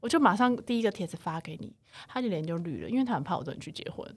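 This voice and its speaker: A woman in her thirties co-hosts a chatty podcast. Her pitch leaps and dips all over as she races through anecdotes, mimicking nosy relatives. She talks quickly and expressively. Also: slightly rough. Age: 30s. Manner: animated storyteller, acts out relatives' lines with laughter. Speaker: podcast co-host. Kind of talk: casual chat.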